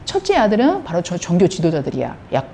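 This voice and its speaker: Middle-aged woman, Bible teacher, mellow tone, swooping lively delivery, acts out quotes. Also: medium pitch, fast talker. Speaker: counselor teaching on scripture. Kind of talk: Bible lecture.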